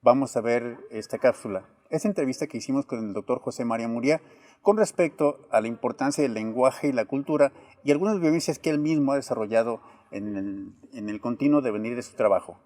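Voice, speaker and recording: A man hosting an interview with a warm, dark voice. He introduces his guest formally and asks questions with earnest care, stopping often on fillers. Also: medium pitch, brisk. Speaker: interviewer, host.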